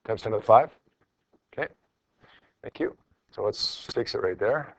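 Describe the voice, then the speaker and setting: In his classroom, a middle-aged physics teacher with a fairly low, animated voice speaks at normal speed while working through problems with students. His high school lecture is informal and encouraging, with repeated phrases for emphasis. The recording is dry with the highs cut off.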